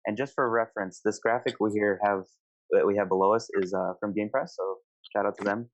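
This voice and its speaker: A man moderates a relaxed online gaming panel, putting informal questions to guests and affirming their replies. His voice sits on the low side, brisk and steady in tone. The dull voice-call recording carries a little hiss or hum.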